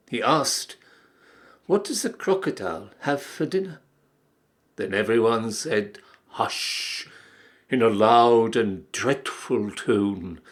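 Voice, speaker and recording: A man narrating a children's story theatrically, with deliberate, declamatory emphasis. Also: medium pitch.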